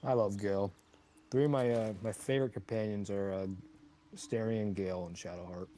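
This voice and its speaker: A man's voice: on the low side, brisk. A young man casually talking through a co-op game, rambling with fillers. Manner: relaxed, rambling with fillers and hedges. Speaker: gamer co-op player. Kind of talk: casual gameplay chat.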